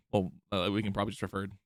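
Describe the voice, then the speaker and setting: A man streaming, giving casual commentary over a video clip, halting and full of fillers and restarts. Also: lowish voice, flat delivery.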